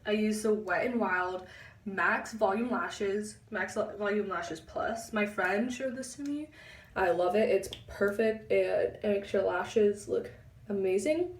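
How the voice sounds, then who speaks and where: A young woman giving a chatty makeup tutorial, pausing as she concentrates. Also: medium pitch, far from the mic. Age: young adult. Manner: chatty, halting while concentrating. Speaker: beauty vlogger. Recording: echoey room, a bit off-mic.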